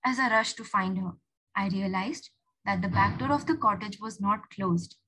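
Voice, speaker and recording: A woman narrating a short story aloud in an expressive, animated manner. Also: medium pitch, normal speed, slightly rough, low-quality recording.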